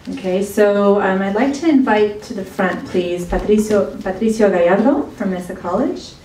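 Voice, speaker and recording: A woman's voice: mid-range voice, a little mellow, a little hiss or hum. A woman moderating a summit and introducing speakers, rambling with many restarts. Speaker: event moderator. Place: college event hall. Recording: roomy hall, mic far off.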